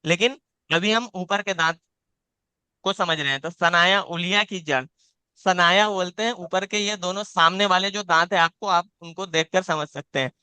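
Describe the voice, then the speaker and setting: Bright, clear-voiced male Quran teacher. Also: high-pitched, normal speed, no echo. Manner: patient, repeats points, demonstrates each sound aloud. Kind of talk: live online class, teaching letter sounds. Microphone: video call.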